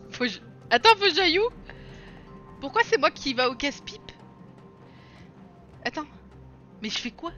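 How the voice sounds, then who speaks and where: A young woman with a high, very bright voice that swings widely in pitch. She chats through a co-op video game in an unhurried way, laughing at herself and yelling at the screen. Faint game music runs underneath. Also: lo-fi sound. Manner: excitable, laughs a lot, self-mocking, shouts at the game. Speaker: streamer playing a co-op video game. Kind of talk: casual let's-play chatter.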